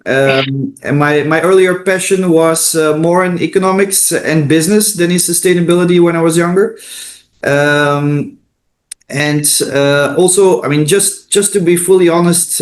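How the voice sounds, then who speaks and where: Higher-pitched Belgian-raised man, hesitant. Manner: hesitant, many fillers and restarts. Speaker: interview guest, consultant. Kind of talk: unscripted interview answers. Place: video call.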